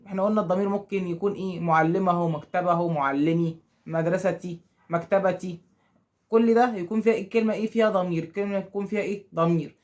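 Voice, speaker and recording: He has a high, darkish-toned voice and an Egyptian Arabic accent, and he is teaching grammar to school pupils. Throughout, he asks questions, responds to them himself, and acts out objections from the pupils.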